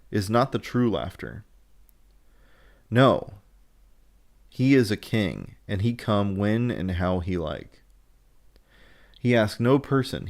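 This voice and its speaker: A man reading as Van Helsing, gravelly. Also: low voice, darkish tone. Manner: earnest reading of broken, old-fashioned English. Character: old Dutch male professor, sorrowful and philosophical.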